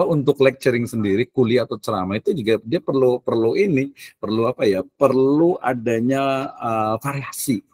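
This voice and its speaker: Male lecturer with a lower voice and a dry, close sound; casual and joking. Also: no room sound. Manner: chatty and joking, mixes in English phrases, frequent filler tags. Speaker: university lecturer.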